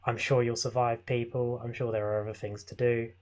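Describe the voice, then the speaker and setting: A man's voice: medium pitch, flat delivery, fairly quick, a little mellow. Joking man co-hosting a podcast. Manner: joking, teasing, laughs often. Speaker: podcast co-host. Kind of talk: casual chat.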